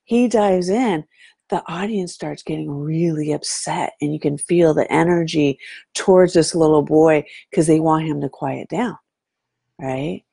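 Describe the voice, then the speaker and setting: Lively woman telling a story, gravelly low voice. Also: unhurried, no echo, studio quality. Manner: animated, fond of saying "right?" to draw the listener in. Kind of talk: casual storytelling.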